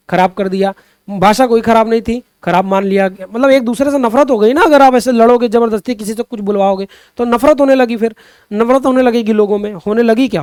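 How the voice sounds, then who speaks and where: A man's voice: extremely high pitch, a little mellow, smooth, no echo, clean studio sound. A young man teaching a Hindi exam-prep class online. He keeps repeating the questions, calls his students friends and children, and pushes them to answer, sometimes drifting into fervent remarks on society. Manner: digresses into impassioned social commentary.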